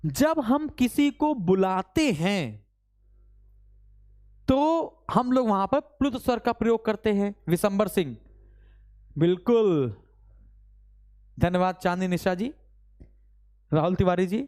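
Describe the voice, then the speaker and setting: Smooth-voiced male Hindi teacher quizzing students. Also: high voice, expressive, a little mellow. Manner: keeps quizzing students with quick repeated questions; urges students to answer fast, mock-scolding. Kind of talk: live online class lecture.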